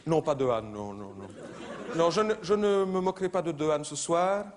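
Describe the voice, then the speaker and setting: A man doing live stand-up comedy, mocking and conversational, now and then shouting in put-on voices. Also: a little high, expressive, normal speed. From Belgium. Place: theater stage before a live audience. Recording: live show recording with crowd noise. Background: audience laughter and applause.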